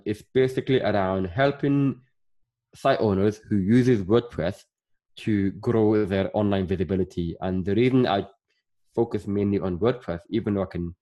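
Male podcast guest, 30s, from Northern Ireland; lowish voice, loose rambling delivery full of fillers. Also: moderate pace, dark tone. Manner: chatty, rambling with many fillers. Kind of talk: casual interview chat.

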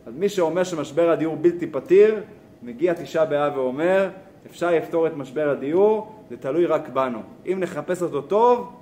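A man's voice: on the high side, a little hiss or hum. A man teaching a Torah lesson, asking rhetorical questions and telling a story. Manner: animated, asks rhetorical questions.

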